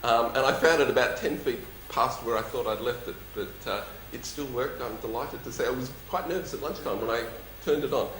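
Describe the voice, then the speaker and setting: A man's voice: mid-range voice, brisk, hardly any pauses, fairly bright tone. A man with a lisp speaking as a company executive in a question-and-answer session, with a jovial, dryly humorous, emphatic manner. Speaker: company executive presenting and taking audience questions. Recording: roomy echo, faint background noise.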